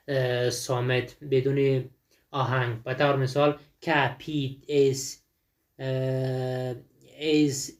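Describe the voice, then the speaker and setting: A man teaching an English textbook lesson with a Dari accent. He reads English examples slowly and explains them in quick speech, often asking and answering his own questions. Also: medium pitch.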